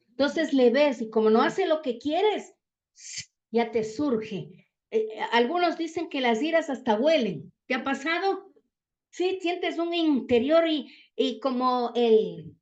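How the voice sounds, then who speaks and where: A woman's voice: high-pitched, expressive, takes it slowly, darkish tone. A woman giving a Bible teaching talk, constantly checking in with the listeners through rhetorical questions. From Ecuador. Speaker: church teacher. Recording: dull lo-fi sound.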